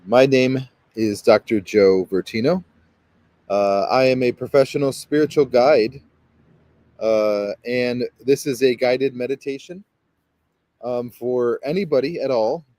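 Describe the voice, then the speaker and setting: A man's voice: medium pitch, measured pace, dark tone, dry recording. A man leading a guided meditation as a spiritual guide, talking in a rambling, hesitant way full of fillers and restarts.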